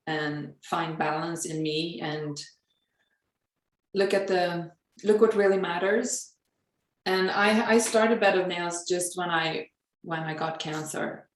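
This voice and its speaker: A woman's voice: on the low side, echoey room, poor audio. A woman from Sweden, a guest in a casual conversation, talking in an earnest, reflective way with light laughs.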